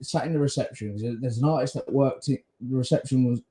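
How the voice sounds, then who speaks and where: A man hosting a casual podcast, blunt and sweary, quick to laugh as he trades stories. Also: mid-range voice, warm tone. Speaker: podcast host. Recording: echoey room.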